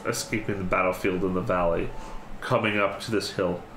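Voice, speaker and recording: A man's voice: low-pitched, fairly even intonation, a little fast. A man running a tabletop game, narrating off the cuff and often repeating phrases as he improvises. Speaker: game master. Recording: echoey room with faint noise.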